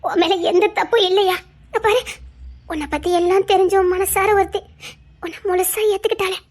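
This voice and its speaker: A woman's voice: extremely high pitch, steady tone, fairly quick. An actress in a TV serial playing a grief-stricken mother, crying as she pleads with her son. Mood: consoling. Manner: tearful, pleading. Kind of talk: TV serial acting.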